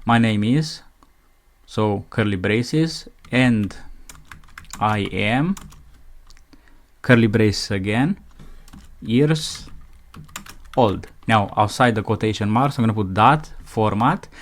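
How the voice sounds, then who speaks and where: Man slowly dictating code as he types. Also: lowish voice. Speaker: programming instructor. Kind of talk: screencast coding tutorial.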